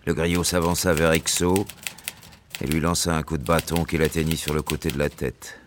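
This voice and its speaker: A man's voice: very deep voice, little pitch movement, moderate pace, noisy background. An actor playing a novelist who narrates his adventure tale in literary style for a radio drama. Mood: grave.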